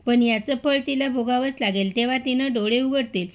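Woman doing a cranky old beggar lady, scolding, kinda high, dull lo-fi sound. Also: brisk, natural voice. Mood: bitter, scolding. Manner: bitter scolding. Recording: dull lo-fi recording.

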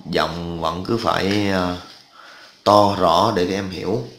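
A man's voice: low voice, steady tone, slow pace, a bit bright, slight background noise. A man teaching a math lesson in a casual, chatty way, often stopping to ask students whether they follow. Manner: chatty, asks students checking questions often. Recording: echoey room.

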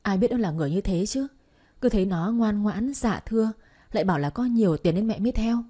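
A woman voicing a loud, lamenting older woman who has been cheated of her money, in an audio story. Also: medium pitch, lively intonation, a little fast, husky. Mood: pleading. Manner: loud lamenting, crying out to heaven.

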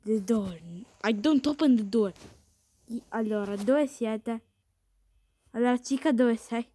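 A woman giving excitable, chatty commentary while playing a game, talking to her viewers and to the game characters. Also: fairly high pitch, slow. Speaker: gaming streamer. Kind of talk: playful gameplay commentary.

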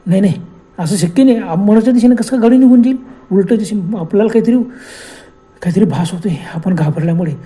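A man voicing a shaken, exhausted husband lost on a dark road, speaking in an anxious, questioning way in a told horror story. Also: high-pitched, quick pace, lightly acted. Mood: panicked. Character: shaken middle-aged husband, panicked and exhausted.

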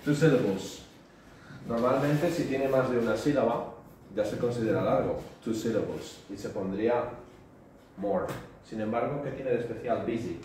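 A man's voice: medium pitch, moderate pace, a little mellow. A male teacher giving a classroom grammar lesson, repeating words and quizzing his students. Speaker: English teacher. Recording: roomy echo, distant mic, faint noise.

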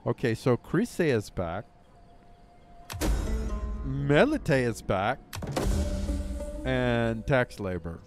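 Slow, lively-voiced man playing a strategy game. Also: mid-range voice. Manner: theatrical mock grief, bursts of loud exclamation. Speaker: let's play host. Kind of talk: casual gameplay commentary.

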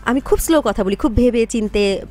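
A woman guest in a radio studio interview, picking her words with care, with pauses and fillers. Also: fairly high pitch, a little mellow. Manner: thoughtful, careful wording with many pauses and fillers.

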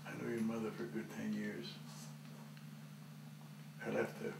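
A gravelly estranged father. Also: on the low side, monotone, normal speed, echoey room, background noise. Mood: somber. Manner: blunt, probing questions. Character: gruff older man, estranged father. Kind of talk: film drama acting.

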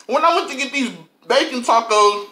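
High-pitched, bright-voiced man chatting casually. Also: moderate pace. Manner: animated, slangy, punctuated with catchphrases. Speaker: host of an eating show. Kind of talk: casual mukbang chat to camera. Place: home kitchen, indoors. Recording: echoey kitchen room sound.

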